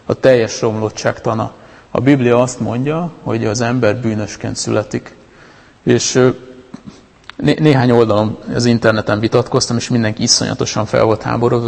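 Male preacher, conversational sermon delivery, gravelly texture, long hall reverb. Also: medium pitch. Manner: conversational, with many restarts and fillers. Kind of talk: informal sermon talk.

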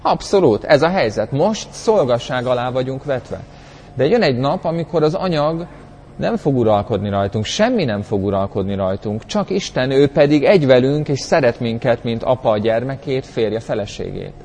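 A man's voice: medium pitch, very animated, darkish tone, long reverb tail, slight background noise. A man teaching from the Bible in a conversational way, reflective, often searching for words, with bursts of dramatic emphasis. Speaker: preacher.

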